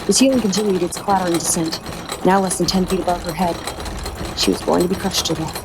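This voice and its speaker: A woman's voice: lowish voice, fairly even intonation, quick pace, background noise. A woman narrating a horror audiobook with tense, dramatic storytelling. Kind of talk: scripted narration.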